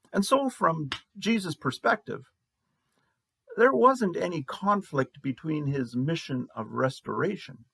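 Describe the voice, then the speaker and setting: A man preaching a sermon as pastor, slow and measured with long pauses. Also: medium pitch, vocal fry, a bit bright, slightly rough, no echo.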